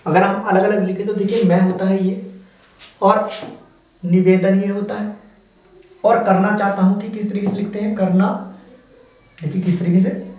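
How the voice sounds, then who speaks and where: High-voiced male teacher in echoey room. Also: level tone, normal speed, long pauses, a little mellow, dull audio. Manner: repetitive, patient, says "dekhiye" often. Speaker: shorthand teacher. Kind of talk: explaining lesson. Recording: very echoey room, distant mic, faint hiss.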